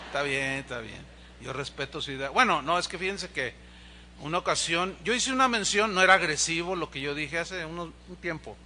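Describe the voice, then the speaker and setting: A pastor preaches a conversational sermon in a church, putting rhetorical questions to the congregation and acting out quoted dialogue in different voices. His voice is fairly high, pushed and bright, at a normal speed.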